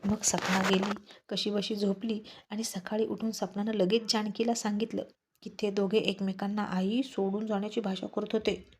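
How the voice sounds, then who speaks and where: Lady telling a serial story, lively and chatty narration. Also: mid-range voice, normal speed, a little hiss or hum.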